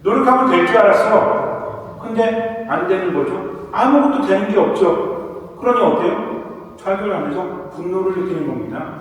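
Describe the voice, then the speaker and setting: Priest, male, Korean, question-and-answer sermon cadence, higher voice, far off in a reverberant hall. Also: animated, moderate pace. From South Korea. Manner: asks the audience questions, then answers them himself. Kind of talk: sermon-style lecture. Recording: echoey hall recorded from far off.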